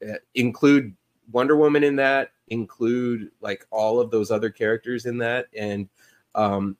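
A man's voice: medium pitch, steady tone, unhurried. A man co-hosting a podcast, chatting casually about comic book movies and rambling with many fillers and restarts. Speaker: podcast co-host.

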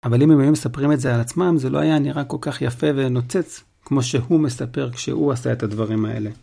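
Guy reading a kids' book out loud, husky voice, explains stuff as he goes. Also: mid-range voice. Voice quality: explains plot in casual asides. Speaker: storyteller.

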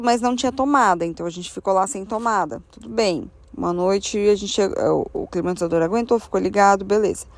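A Brazilian woman tells a travel story to the camera in an easy, chatty way, jumping up in pitch when she acts out what she was thinking. Her voice is of middle height and sounds close and dry, with no room around it. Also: dry recording. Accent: Brazilian Portuguese. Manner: animated, acts out her own thoughts in a higher voice. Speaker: travel vlogger. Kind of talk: casual storytelling.

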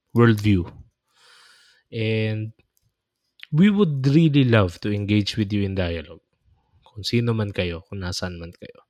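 A man's voice: lowish voice, no echo. A man with a Filipino accent hosting a reflective podcast, talking in an earnest, preachy way and pressing his points home. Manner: earnest, preachy exhortation, growing louder and insistent. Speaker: podcast host. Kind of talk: reflective podcast talk, mixing Tagalog and English.

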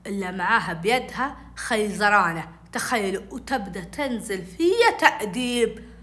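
A woman telling a childhood story in casual storytelling, animated and acting out each voice. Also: mid-range voice, normal speed. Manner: animated, acts out every voice.

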